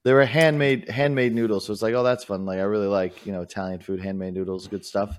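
A man's voice: fairly low pitch, steady tone, fast talker. A man co-hosting a podcast, telling stories in a laid-back way and mimicking others. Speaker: podcast co-host. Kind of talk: casual chat.

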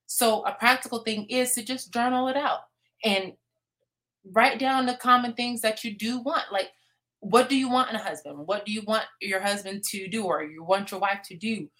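A woman's voice: fairly high pitch, normal speed, a bit bright. A woman co-hosting a motivational talk, earnestly giving practical advice. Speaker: co-host.

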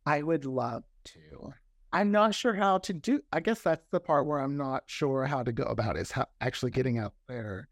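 An American man speaks casually as an interview guest; he creates a fiction podcast. He's chatty and anecdotal, often quoting conversations and acting out the dialogue, in a mid-range voice at normal speed with vocal fry. The recording is dry, with clean studio sound.

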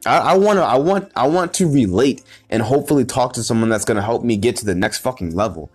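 A man delivering a heated, unscripted motivational rant. He swears constantly, repeats himself and restarts his sentences, and builds to loud, emphatic bursts. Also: medium pitch, animated, fast talker, slightly rough, faint music behind. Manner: profane, repetitive and rambling, with frequent restarts. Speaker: motivational vlogger.

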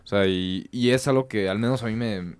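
A man's voice: lowish voice, a little fast, clean tone, dry recording. A young man with a Mexican Spanish accent, rambling and hesitant, co-hosting a podcast in slangy chat. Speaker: podcast co-host. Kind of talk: casual chat.

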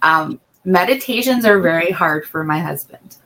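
On a low-quality recording, a middle-aged woman co-hosts a podcast, where she also serves as assistant. Her lowish voice is expressive and a bit bright, at normal speed, and her casual chat rambles with many restarts and ums.

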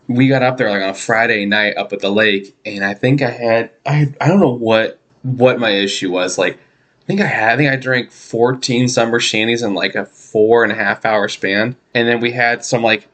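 Thirties male podcast host, mid-pitched, rambling self-deprecating storyteller. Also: moderate pace, fairly bright tone. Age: 30s. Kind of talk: casual chat.

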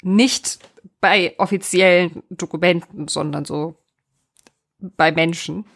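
A woman's voice: fairly low pitch, slow, gravelly. A woman in her thirties co-hosting a casual podcast, telling stories with lots of laughter. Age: 30s. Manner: animated storytelling, laughs often, mimics voices. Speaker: podcast co-host. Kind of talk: casual chat.

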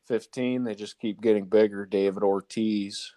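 A man's voice: on the low side, fairly even intonation, moderate pace, dark tone, dry recording. A man giving a casual countdown of sports nicknames to co-hosts, announcing each ranked number and then the name. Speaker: sports talk show panelist presenting a list.

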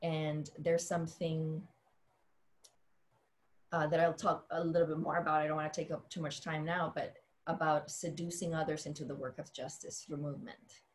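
A woman from the Dominican Republic speaks on a panel about her work as a dance teacher and choreographer. Her voice sits low, and she thinks aloud, circling back with frequent ums and restarts. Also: level tone, normal speed. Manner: thoughtful, many fillers and restarts. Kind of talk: panel discussion.

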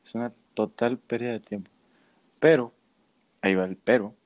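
In a dry recording, a young guy chats casually with a Mexican accent, telling lively stories loaded with slang and bursting into laughs. He speaks at a moderate pace with a medium-pitched voice.

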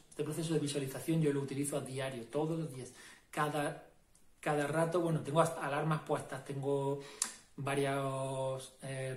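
A man leads a casual self-help and meditation talk, speaking with a slightly high voice. He is emphatic and repetitive, and keeps checking in with the listener. The recording has a noticeable room echo. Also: a little mellow. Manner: emphatic, repetitive, asks "¿no?" and "¿vale?". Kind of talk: casual motivational talk to camera.

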